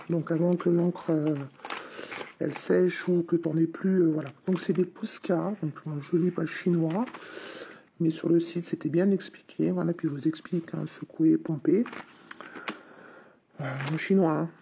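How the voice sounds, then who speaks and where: A woman's voice: on the low side, vocal fry, warm tone, slight background noise. A woman with a slight head cold chats informally to her viewers while unboxing and trying out her hobby supplies. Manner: chatty and informal, talks straight to viewers. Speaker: hobby vlogger. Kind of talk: casual unboxing and demo chat.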